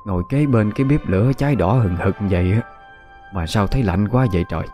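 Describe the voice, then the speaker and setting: A man's voice: fairly low pitch, brisk, mellow, soft background music, close to an everyday voice. A man with a Southern Vietnamese accent voicing a middle-aged village woman who mutters to herself, puzzled.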